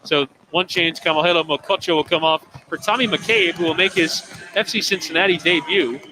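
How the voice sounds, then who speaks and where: A man calling a live soccer match play by play, describing the action in quick, steady commentary. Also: on the high side, background noise. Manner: rapid descriptive calls, laughs easily.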